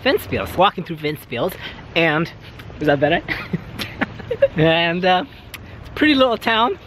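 A man's voice: fairly high pitch, big pitch swings, unhurried, noisy background. A man casually hosting a travel vlog outdoors, joking and laughing as he goes. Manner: jokey, laughing, playful. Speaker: travel vlogger.

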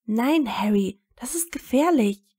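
A woman's voice: a little high, animated, measured pace, mellow, husky, pitched above the performer's own voice. A woman voicing a clever, insistent teenage girl in a story reading. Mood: angry. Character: angry teenage girl, know-it-all.

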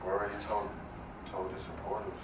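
A man's voice: on the low side, monotone, brisk. A young man chatting casually and nervously as a vlogger. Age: young adult. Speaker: vlogger in a gender reveal video. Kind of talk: casual chat. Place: outdoors in a fenced yard and indoors. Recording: very noisy, echoey, distant phone video.

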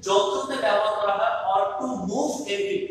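Here a man speaking at normal speed in a high voice gives an online English lesson, repeating every point as he blends Bengali with English. Faint noise and a distant mic make it sound like an echoey hall.

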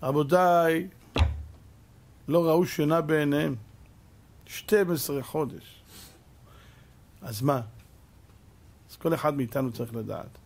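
A man with a high-pitched voice delivers a sermon. He preaches as a rabbi, telling stories animatedly and hammering home repeated rhetorical questions. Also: long pauses. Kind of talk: Torah lesson sermon.

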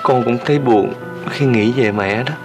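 A torn grown son , played by a man, pleads with his mother in a TV drama, his voice sitting in a middle register. He is emotional and earnest. A soft musical score runs clearly under his lines. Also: mid-range voice, moderate pace, over music, lightly acted. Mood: anguished. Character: grown son torn about leaving home for the city. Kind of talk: TV drama acting.

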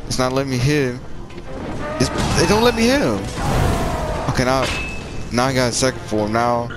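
A man giving casual gameplay commentary as a streamer, agitated and frustrated, swearing and rapidly repeating short phrases. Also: mid-range voice, loud music behind the voice. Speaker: gamer streamer.

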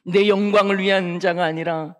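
A middle-aged male pastor preaching a revival sermon in a church. He moves between soft storytelling and loud, emphatic preaching. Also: sits high, steady tone, moderate pace. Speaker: guest pastor. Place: church sanctuary. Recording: long church-hall reverb.

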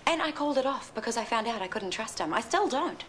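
An actress playing a dry, guarded hospital worker in a TV soap. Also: female voice, fairly high pitch, animated, fast talker, fairly bright tone, a little hiss or hum. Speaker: hospital staff member. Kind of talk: TV soap acting.

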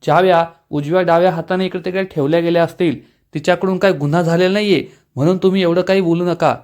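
A man's voice: high voice, steady tone, fast, darkish tone, natural voice. A man reading a stern family elder. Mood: firm. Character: stern older male head of the family.

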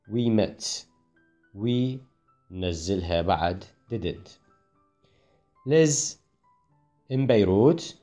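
Man, English teacher, very slow, relaxed mellow voice, careful explanations. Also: deep voice. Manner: explains in Arabic, reads English phrases slowly and carefully. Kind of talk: classroom grammar explanation.

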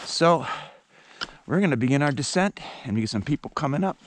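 Outdoors on a snowy mountain trail, a man vlogs a backcountry ski tour, narrating casually as he skis. His voice is on the high side with lively intonation and a fairly quick pace, rambling and full of fillers.

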